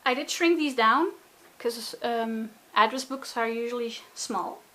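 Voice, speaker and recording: Seated indoors at a table, a woman casually narrates a flip-through of her craft journal for a video, gushing and chatty and often talking to herself. Her voice is on the high side with a sharp tone, and she doesn't hurry.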